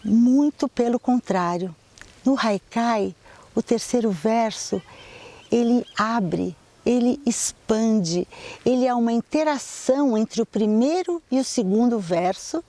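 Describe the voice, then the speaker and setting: A middle-aged woman with a Brazilian Portuguese accent gives a video lesson on poetry, explaining in a calm, measured way and slowing down to recite short poems. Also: a little high. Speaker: poetry teacher.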